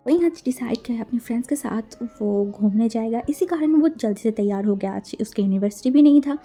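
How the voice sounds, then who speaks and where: A woman's voice: on the high side, animated, brisk, warm tone. A woman casually retelling a fan-fiction story in a chatty way, slipping in English words.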